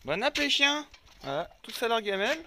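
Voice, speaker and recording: Bright-voiced chatty French vlogger man. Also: very high voice, expressive, moderate pace, a little hiss or hum. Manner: chatty, talks to his dogs and viewers. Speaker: van-life vlogger. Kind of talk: casual vlog chat. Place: outdoors by a lake with his van.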